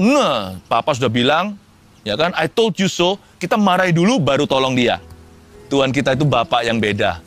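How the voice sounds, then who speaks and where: A man preaching a sermon, lively, with sudden rises in pitch and humorous asides. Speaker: pastor.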